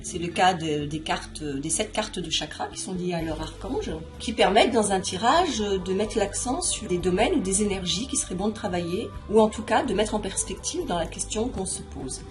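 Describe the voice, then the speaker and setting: A woman's voice: medium pitch, animated, moderate pace, few pauses, over music. A woman casually presenting and reviewing a deck of oracle cards in a vlog, chatty and explanatory, showing each item as she talks.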